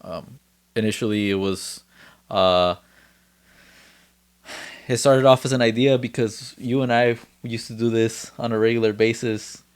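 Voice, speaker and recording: A man's voice: medium pitch, steady tone, unhurried, pauses often, clear, resonant tone. A man hosting a casual, laid-back podcast, chatting and joking with a friend and swearing freely. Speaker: podcast host. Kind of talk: casual chat.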